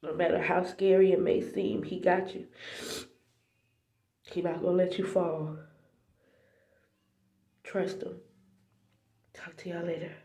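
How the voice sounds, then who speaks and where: A heartfelt, tearful faith vlogger speaks straight to the viewers about a dream, at times sinking into a whisper. The voice is gravelly and mellow. It bounces off the hard walls of a small, echoey bathroom. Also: mid-range voice, level tone, takes it slowly, pauses often. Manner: heartfelt, addresses viewers directly, sometimes drops to a whisper. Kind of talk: emotional spiritual testimony to camera.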